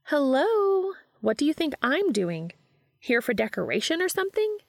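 A woman's voice: expressive, moderate pace, dry recording, clean studio sound, close to an everyday voice. A woman reading aloud and voicing a spunky, tough young woman who teases her friends in a raised, playful voice. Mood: playful teasing. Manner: bright, playful, higher and louder.

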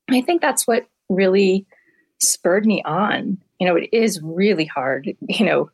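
Brief: middle-aged woman doctor, deep gravelly voice, husky and hoarse, candid and homely. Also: dry recording, low-quality recording. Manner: candid, explains with homely comparisons. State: hoarse from allergies. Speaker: family medicine doctor, guest. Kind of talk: casual interview answers.

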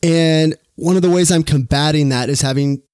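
A man hosting a podcast interview, asking questions and affirming his guest in an earnest, measured way. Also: fairly high pitch, fairly even intonation, a little mellow, clear, resonant tone, no echo, studio quality. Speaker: podcast host.

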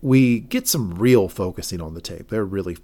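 A man with a fairly low voice co-hosts a casual podcast, walking through a TV episode scene by scene. He rambles and corrects himself as he goes, floating guesses about the plot. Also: moderate pace, mellow. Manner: rambling, self-correcting, speculative. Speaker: podcast co-host.

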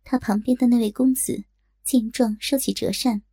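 A woman narrating a martial-arts tale in a steady, scripted audiobook delivery. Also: fairly high pitch, normal speed, husky, no room sound, studio quality.

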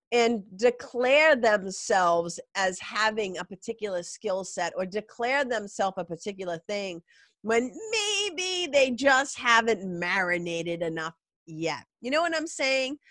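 A woman's voice: a little high, lively intonation, a little slow, fairly bright tone, no room sound. Stuffy-nosed woman podcaster, dry close sound. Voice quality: stuffy, nasal. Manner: informal, rambling, emphatic, mildly sweary. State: congested with a cold. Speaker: podcast host. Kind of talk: casual solo podcast monologue.

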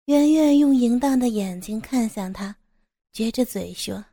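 A woman narrating an erotic audio story in a slow, even reading voice. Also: a little high, no room sound, clean studio sound.

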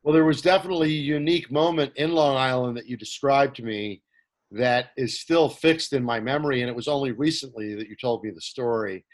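A man's voice: mid-range voice, a little fast. A man interviewing a guest, asking long, rambling questions with restarts. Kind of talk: casual interview conversation.

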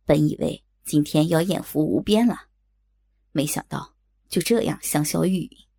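A woman's voice: low-pitched, expressive, normal speed, vocal fry, darkish tone, husky, dry recording, clean studio sound, voice pushed down, full character voice. A woman voicing a crude, lecherous young male bandit who grumbles and leers in a coarse way, for an audiobook. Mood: leering.

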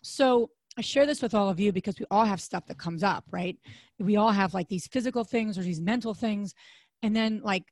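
A woman co-hosting a podcast in a casual chat, her voice raspy and hoarse, with a chatty manner full of restarts. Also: normal speed, darkish tone, no echo. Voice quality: raspy, deep voice. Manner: chatty, frequent restarts and fillers. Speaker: podcast co-host.

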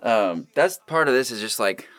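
A man's voice: medium pitch, expressive, moderate pace, fairly bright tone, no echo, soft background music. A man in his thirties hosting a casual podcast chat, laid-back and swearing freely. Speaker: podcast host. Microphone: studio microphone without headphones.

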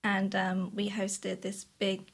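A woman's voice: medium pitch, monotone, slow pace, husky. A nineteen-year-old woman on a podcast, telling her story with enthusiasm and lots of ums. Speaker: podcast guest. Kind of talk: casual storytelling.

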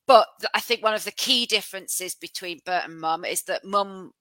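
A woman presents a podcast in a bright, forward voice at a medium pitch. She is conversational and explanatory, stressing key points plainly. The sound is dry, with little room. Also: normal speed, no echo. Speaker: podcast host.

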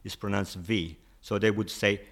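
A man with a fairly low voice talks through his points patiently, stacking up examples the way a friendly teacher would. English is not his first language, and he keeps the tone relaxed and conversational, as a guest in an interview. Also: moderate pace. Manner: patient, explains with examples, chuckles often. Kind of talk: casual explanatory chat.

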